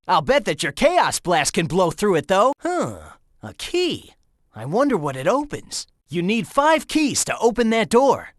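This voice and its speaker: A man's voice: sits high, a bit bright, dry recording, studio quality, exaggerated voice. A man playing a cocky, upbeat young hedgehog hero, giving breezy, encouraging guidance in a video game. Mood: curious, observant. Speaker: in-game tutorial guide.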